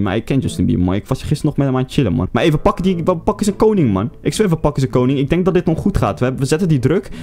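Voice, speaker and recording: A young man giving casual live commentary on his own mobile game, swearing often and swinging between glum mutters and excited yelps. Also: medium pitch. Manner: excitable, swears a lot, jumps from groans to shouts. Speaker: gaming YouTuber.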